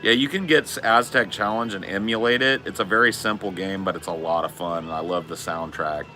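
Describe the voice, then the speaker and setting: A man's voice: low-pitched, steady tone, brisk, sharp tone, soft background music. A man in his forties chatting casually on a live stream, laid-back and slangy, swearing often. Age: 40s. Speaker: streamer reading chat.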